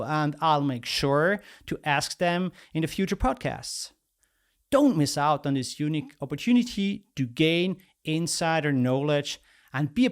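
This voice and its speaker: A middle-aged man hosting a podcast, reading a formal introduction and then asking questions in a slightly halting way. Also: fairly high pitch. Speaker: podcast host and mentor.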